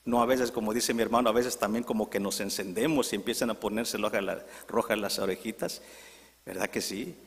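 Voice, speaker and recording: A man's voice: on the low side, fairly quick, creaky, in a large hall. A man preaching a sermon, asking the congregation questions.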